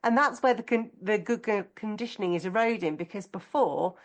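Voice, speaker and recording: Middle-aged female co-host, mid-range voice, lively and emphatic storyteller. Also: mid-range voice, a little fast. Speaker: podcast co-host. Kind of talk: casual chat.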